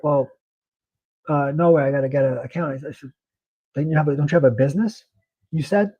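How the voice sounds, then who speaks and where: A man's voice: a little high, warm tone, no echo, poor audio. A middle-aged man, a former bank manager, telling an off-the-cuff sales story with many restarts and acted-out dialogue. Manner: rambling, self-correcting, acts out quoted dialogue. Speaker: podcast host, former bank branch manager.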